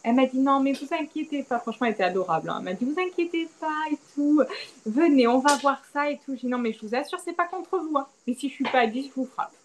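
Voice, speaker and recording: Animated young woman telling a story. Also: fast, a little hiss or hum, low-quality recording. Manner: animated, acts out quoted dialogue with big pitch swings. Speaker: guest. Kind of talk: candid storytelling about childbirth.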